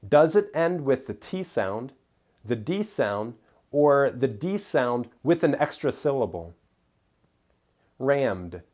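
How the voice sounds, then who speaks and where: A man teaching pronunciation in an unhurried, measured voice. He sounds out each word with deliberate care in a scripted instructional read. His pitch sits in an ordinary middle range. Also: very animated, darkish tone. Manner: careful, deliberate enunciation of single words.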